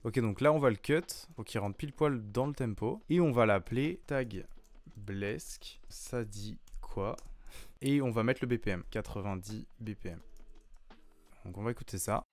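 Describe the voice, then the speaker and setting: A man's voice: mid-range voice, a little fast, no room sound. Young man casually explaining beatmaking. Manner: relaxed, slangy and matter-of-fact. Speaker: beatmaker and tutorial host. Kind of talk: casual screen-recorded music tutorial.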